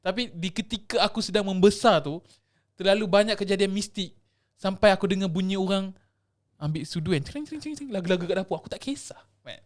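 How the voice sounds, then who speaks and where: A young man tells ghost stories on a casual podcast. His voice sits high and rushes along, and he acts out the voices in his tale. He slips English words into his speech. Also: steady tone. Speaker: podcast co-host. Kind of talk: casual chat, ghost storytelling.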